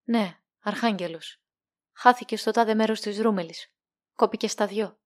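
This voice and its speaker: A woman reading the lines of an indifferent male telegraph clerk in a storybook, in a dry, flat way. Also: medium pitch, dry recording, lightly acted.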